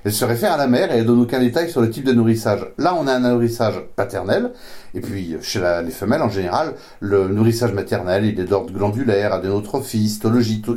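A man's voice: fairly low pitch, a little mellow. A man giving an informal, didactic science explanation as a biology expert, often repeating words as he searches for the next. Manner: didactic, with frequent self-repetitions and searching for words.

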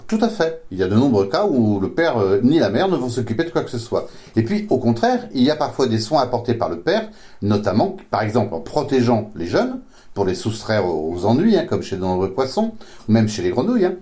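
A man's voice: medium pitch, very animated, a little fast, dark tone. A man giving an informal, didactic science explanation as a biology expert, often repeating words as he searches for the next. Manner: didactic, with frequent self-repetitions and searching for words.

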